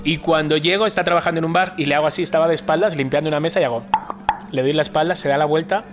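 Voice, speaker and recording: Lively man telling a story. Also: a little high, racing, music in the background. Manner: animated, acts out quoted dialogue. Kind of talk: casual storytelling chat.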